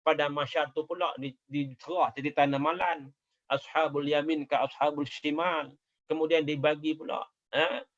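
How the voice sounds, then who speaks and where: A man's voice: a little high, little pitch movement, moderate pace, a bit bright, muffled recording. A man giving a sermon as a religious teacher, emphatic, repeating his phrases and chanting Arabic quotations.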